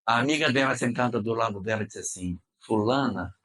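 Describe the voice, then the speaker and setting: Expressive Brazilian man giving a lecture. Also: medium pitch, fairly quick. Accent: Brazilian Portuguese. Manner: expressive storyteller, repeats phrases for emphasis. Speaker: spiritist lecturer. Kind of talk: religious lecture with storytelling.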